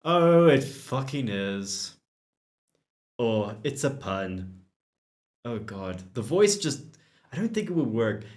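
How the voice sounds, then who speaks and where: A man's voice: mid-range voice, very animated, slow, long pauses, a little mellow. A man reading game dialog aloud and commenting on it as a let's play host, giggly and self-mocking, swearing casually.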